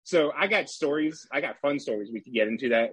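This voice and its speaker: A man co-hosting a casual sports podcast, speaking haltingly with many restarts and laughing easily. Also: medium pitch, animated, slightly rough, no echo, low-quality recording. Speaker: podcast co-host, sports writer.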